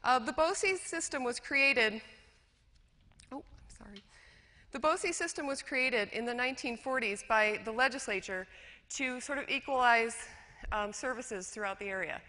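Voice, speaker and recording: This woman speaks a little high at a normal speed, her tone bright and forceful. An educator from rural western New York, USA, she delivers a chatty, self-deprecating conference talk with slides, full of fillers and restarts, and the lecture hall adds long reverb.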